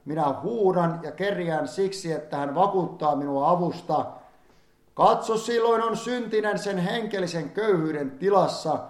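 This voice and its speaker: A man reading an old-fashioned sermon aloud in a solemn, fervent manner, rising in emphasis on pleading passages. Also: high voice. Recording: echoey room.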